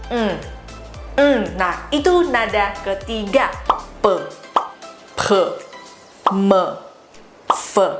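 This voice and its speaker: A woman teaching a language lesson, demonstrating sounds and tones slowly and carefully. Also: a little high, a bit bright, reverberant. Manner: slow, careful, exaggerated tone demonstrations. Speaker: Mandarin teacher.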